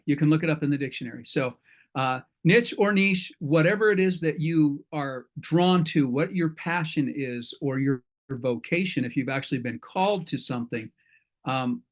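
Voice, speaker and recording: A man's voice: a little high, normal speed. A middle-aged man hosting an online entrepreneur meetup in a folksy, rambling way, often correcting himself. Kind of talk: casual talk to an online group.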